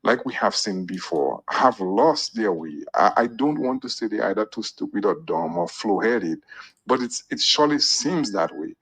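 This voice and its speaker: A man speaks through a recorded voice note played on air. His voice sits low and a little husky, with a bright, forceful edge. He builds a measured, critical argument one point at a time. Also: very animated, rough recording. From Dominica. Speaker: listener sending a voice note. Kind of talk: call-in radio commentary.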